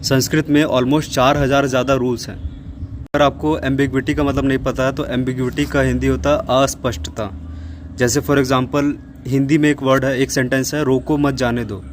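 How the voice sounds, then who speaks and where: A man's voice: mid-range voice, background noise. A man hosting an explainer video, debunking a claim in a critical, lecturing tone with a sarcastic edge. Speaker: fact-check host. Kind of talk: explainer commentary.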